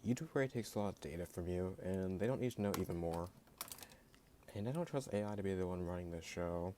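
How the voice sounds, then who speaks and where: He talks fast in a low, dark voice, with a bit of hiss or hum in the recording. The speaker, a YouTube creator, rants his opinions bluntly and sarcastically, overusing "like" and occasionally sounding jittery.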